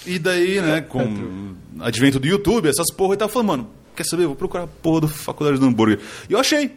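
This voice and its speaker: Fast, animated Brazilian man telling stories. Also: fairly high pitch. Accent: Brazilian Portuguese. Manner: rambling storyteller, heavy slang. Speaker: podcast co-host. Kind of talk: casual chat.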